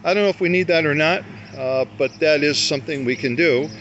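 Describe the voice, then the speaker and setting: Talking briskly in a slightly high, fairly bright voice, an older man shows his camping gear to camera at a grassy campsite, wandering from point to point in a folksy manner and correcting himself. He makes motorcycle camping vlogs; the audio is dull, lo-fi, and faintly noisy outdoors.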